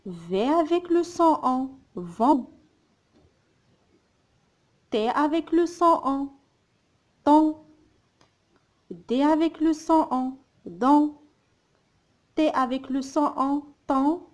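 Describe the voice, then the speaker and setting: Very slow, careful woman teacher. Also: sits high, animated, a little mellow. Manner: sounds out words slowly, repeating syllables. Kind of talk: slow, careful phonics lesson.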